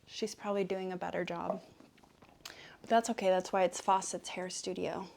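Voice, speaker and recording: A woman's voice: fairly low pitch, flat delivery, moderate pace, gravelly, darkish tone, a little hiss or hum. A woman chatting casually for ASMR while brushing a cat, rambling playfully and slipping into affectionate talk to her pet. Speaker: vlogger making ASMR videos. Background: cat purring.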